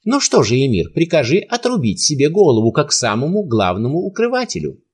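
Guy putting on a defiant folk hero, ringing firm voice, raised and lively. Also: fairly high pitch, fairly quick, husky, full character voice. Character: bold defiant folk hero, adult man.

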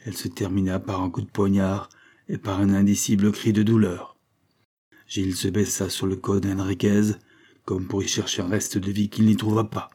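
A man narrating a historical tale as an audiobook, in a measured, dramatic reading. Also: fairly low pitch, flat delivery, dark tone, slightly rough.

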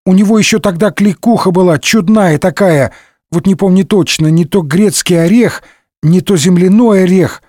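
A man's voice: high-pitched, moderate pace, darkish tone, no echo, studio quality, pitched above the performer's own voice. A man putting on a gormless young rascal's voice. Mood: eager. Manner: eager, dim-witted chatter. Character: young male blond rascal, gormless, sniffly. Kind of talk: comic audiobook voice acting.

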